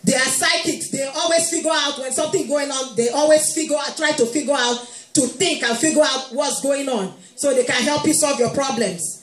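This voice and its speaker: Woman preaching in a church, high pitched, kinda jokey, roomy echo, soft music in back. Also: normal speed. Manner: warm humorous preaching, playfully quoting moms, laughing. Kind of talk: sermon. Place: church hall. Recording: echoey hall with faint music.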